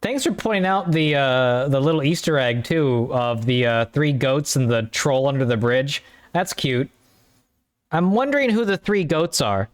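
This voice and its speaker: A man's voice: medium pitch, expressive, measured pace. A man streaming a story game, talking in a rambling, offhand way and swearing casually. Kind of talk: casual let's-play commentary.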